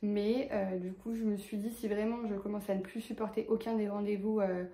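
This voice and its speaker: A woman's voice: medium pitch, level tone, fairly quick, dark tone, echoey room. A woman with a lisp on her s sounds, talking casually and hesitantly in a personal vlog update. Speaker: vlogger.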